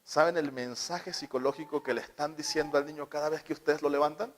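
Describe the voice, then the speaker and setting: A man with a fairly high voice gives a talk to parents on how children develop. He keeps asking his listeners questions and slips into short acted-out quotes to make his points. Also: little pitch movement, fairly quick. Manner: asks the audience questions and acts out little quoted scenes.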